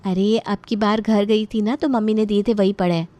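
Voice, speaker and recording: A woman's voice: medium pitch, fairly even intonation, normal speed, warm tone, close to an everyday voice. A woman voicing a clever, cheeky young daughter-in-law with a sly, teasing manner. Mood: cheerful.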